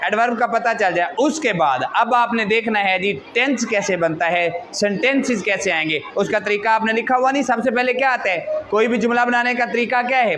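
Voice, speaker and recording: In a noisy school classroom with students chattering, a high-voiced man with a fairly bright tone delivers an English lecture. His speech carries an accent, and he repeatedly puts questions to the class while addressing them as "beta."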